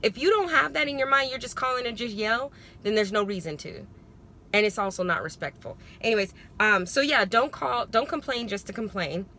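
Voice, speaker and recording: A woman's voice: a little high, fairly quick, sharp tone, slight background noise. A woman talking casually to viewers in a parenting vlog, explaining her advice in a conversational, emphatic way. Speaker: parenting vlogger.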